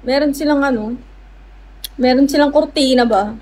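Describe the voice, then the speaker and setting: This livestream host has a high-pitched voice and talks at a normal pace. She keeps things casual, teasing her audience playfully, calling out viewers by name and making conversation. There's a constant background noise throughout.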